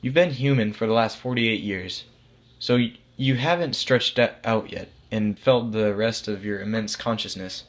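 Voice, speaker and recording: Voicing God in an acted story, a man with a lowish, natural voice talks at a moderate pace. He portrays a casual, reassuring figure of authority who calmly and patiently lays things out.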